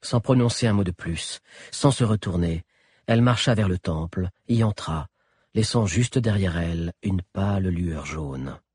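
A man's voice: low voice, a little slow, darkish tone, breathy edge, no room sound, clean studio sound. A man narrating an adventure story as an audiobook, telling it expressively. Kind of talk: scripted narration.

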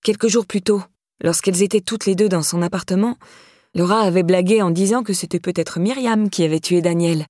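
A woman reads a thriller aloud in a steady, measured way. Her voice sits slightly low, and the recording is close and dry. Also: no room sound. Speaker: audiobook narrator. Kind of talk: scripted narration.

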